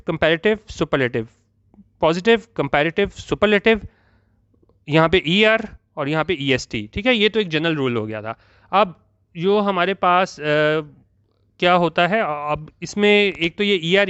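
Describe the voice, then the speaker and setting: A man's voice: sits high, fairly bright tone, clean tone, no room sound. A man teaching English grammar who repeats his examples and keeps quizzing the listener with questions, with a Pakistani accent on his English words. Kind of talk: lesson explaining on a board. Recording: dry, muffled lo-fi recording.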